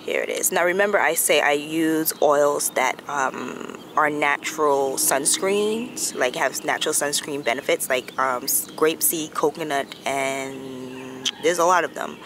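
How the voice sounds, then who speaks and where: A woman in her thirties chatting casually to her camera in a park, rambling in a relaxed way. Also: low voice, a little slow, few pauses. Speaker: vlogger. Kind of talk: casual vlog chat. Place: outdoors in a grassy park. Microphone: camera phone held at arm's length. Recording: noisy outdoor ambience.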